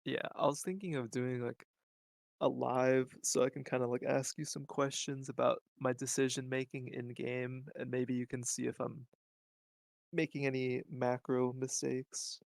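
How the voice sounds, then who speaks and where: Hesitant man with a gravelly, dry voice. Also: medium pitch, flat delivery, unhurried, dry recording. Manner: hesitant, starts with "um". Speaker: player being coached. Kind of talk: casual coaching call. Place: home at night.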